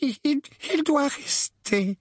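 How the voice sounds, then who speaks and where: A man voicing a prim, nervous middle-aged aunt with a high, trembling, cutting voice in an audiobook. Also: takes it slowly, no room sound, clean studio sound. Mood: shaken. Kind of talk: audiobook character voice.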